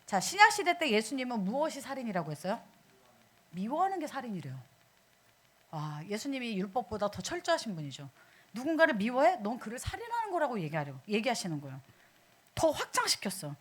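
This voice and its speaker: Animated, high-voiced woman preaching. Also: brisk, breathy edge. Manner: animated, asks the congregation questions. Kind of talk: sermon. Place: church.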